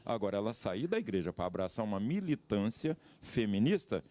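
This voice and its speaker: Lively preacherly male Bible teacher. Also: fairly low pitch, brisk. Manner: explanatory, preacherly emphasis. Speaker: seminary teacher, guest panelist. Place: TV studio.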